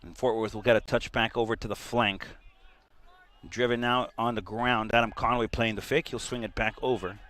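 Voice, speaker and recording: A man's voice: medium pitch, a bit bright. A man giving live play-by-play commentary on a soccer match for a stream.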